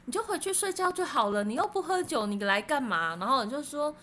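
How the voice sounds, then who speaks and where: Give me a high, bright, animated woman podcast co-host. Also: quick pace, slight background noise. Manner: animated storytelling. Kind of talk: casual chat.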